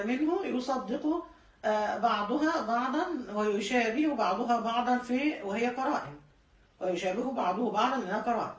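A religious studies teacher with an Egyptian Arabic accent gives a classroom lecture, explaining patiently, repeating key points and correcting herself mid-word. Her pitch is fairly high, and she is recorded from a distance in an echoey room.

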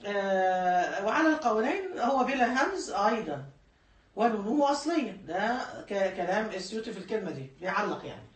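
A woman's voice: medium pitch, big pitch swings, fairly quick, echoey room, far from the mic. A woman with an Egyptian Arabic accent, teaching a classroom lesson and explaining patiently, repeating key points and correcting herself mid-word. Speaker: religious studies teacher. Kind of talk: classroom lecture.

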